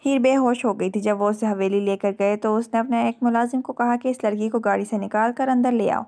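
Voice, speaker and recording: A woman's voice: fairly high pitch, steady tone, mellow. A woman narrating a dramatic novel in an emotive storytelling manner. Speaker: novel reader.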